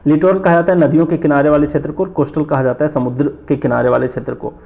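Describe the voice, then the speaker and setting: A man from North India teaching an exam-prep lesson, explaining slowly, repeating terms and asking rhetorical questions. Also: fairly high pitch, steady tone, gravelly, narrow, tinny audio.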